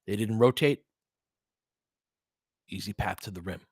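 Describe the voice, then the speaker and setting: Unhurried and husky, this man's lowish voice carries his casual, opinionated fan commentary on a basketball livestream he hosts. He alternates short calls of the action with relaxed talk aimed at his audience. The recording is studio quality with no room sound.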